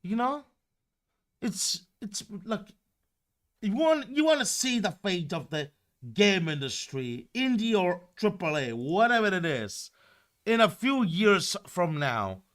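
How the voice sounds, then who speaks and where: A man's voice: high voice, very animated, slow pace, a bit bright. A man streaming live and ranting heatedly, swearing and repeating himself for emphasis. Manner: profane, repetitive, heated ranting.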